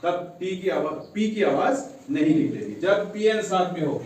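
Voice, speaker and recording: A man's voice: high-pitched, animated, normal speed, a little mellow. A male English teacher giving a classroom lesson, quizzing his students with repeated call-and-response questions. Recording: very echoey room, mic far off, faint noise.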